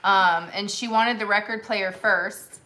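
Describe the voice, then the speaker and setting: A woman's voice: medium pitch, fairly even intonation, measured pace, bright, forceful tone. Chatty middle-aged woman hosting a sale. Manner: rambling, chatty, takes over the conversation. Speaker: host of a live vintage sale. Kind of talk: casual live-stream selling chat.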